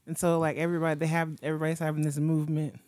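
A woman's voice: low-pitched, level tone, rapid-fire, a little mellow, no room sound, clean studio sound. A woman in her early forties co-hosting a podcast, talking in a hesitant, rambling way and often correcting herself. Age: 40s. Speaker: podcast co-host. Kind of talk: casual chat.

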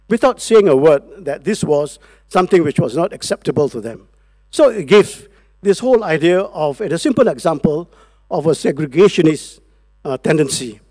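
A man gives a formal panel talk, pausing often and restarting his phrases. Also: a little high, a little mellow, dry recording. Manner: hesitant, frequent fillers and restarts. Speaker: panel speaker.

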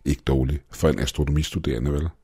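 A man voicing an obsessive, excitable young male astronomy student who talks eagerly and urgently. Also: rumbling low, breathy edge, exaggerated voice. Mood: proud.

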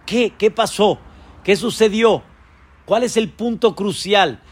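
A man, a rabbi, teaching a Torah lesson, asking his listeners rhetorical questions and jumping to a high voice when quoting figures. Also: slow, breathy edge. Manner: voices quoted figures with sudden high pitch.

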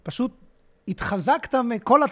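A man's voice: extremely high pitch, expressive, pushed and bright. A man co-hosting a podcast, bantering playfully in a casual chat. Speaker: podcast co-host.

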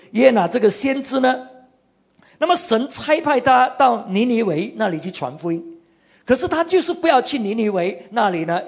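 A preacher giving a sermon, retelling a scripture story with animated delivery and frequent "ah" fillers. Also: medium pitch, breathy edge, highs cut off.

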